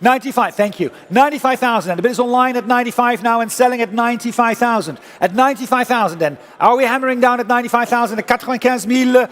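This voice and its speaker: A man's voice: very high-pitched, rapid-fire, hardly any pauses, a bit bright. A man working as an auctioneer, calling bids in a formal, insistent way and repeating figures over and over. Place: large auction hall, indoors. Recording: long-reverb hall sound.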